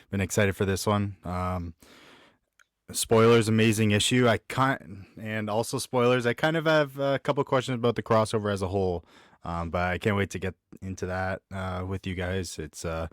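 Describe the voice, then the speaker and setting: A man co-hosting a podcast in casual chat, halting and full of fillers. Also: on the low side, no echo, studio quality. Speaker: podcast co-host.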